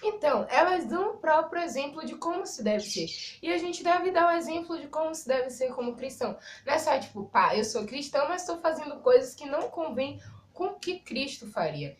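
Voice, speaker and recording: A young woman at home giving a chatty, animated talk for a casual devotional vlog. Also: high-pitched, brisk, echoey room, slight background noise. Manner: chatty, animated, laughs at herself. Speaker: vlogger. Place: at home, pet bird chirping nearby.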